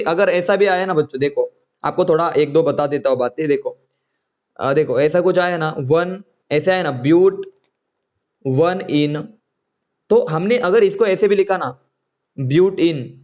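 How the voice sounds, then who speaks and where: A man's voice: fairly high pitch, measured pace, a little mellow, lo-fi sound. A man teaching chemistry in an online class, coaxing students and checking often whether they follow.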